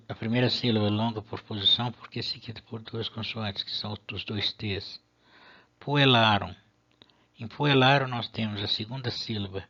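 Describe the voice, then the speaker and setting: A man's voice: fairly low pitch, sharp tone. A man, teaching a language lesson patiently and methodically, sometimes stopping to restart a phrase. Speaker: Latin teacher. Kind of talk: explanatory video lesson. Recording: dull lo-fi recording.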